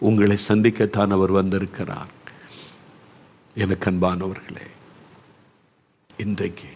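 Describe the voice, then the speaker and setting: A man's voice: mid-range voice, a little mellow. Earnest preacher man in a reverberant hall. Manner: earnest, repeats phrases, rises to fervent pleading. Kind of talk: Tamil sermon with a story of prayer.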